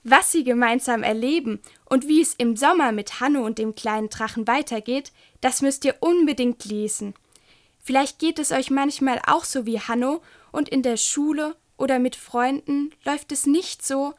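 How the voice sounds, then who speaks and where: A woman reading a children's book aloud and talking gently to young listeners. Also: sits high, normal speed. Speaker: storyteller.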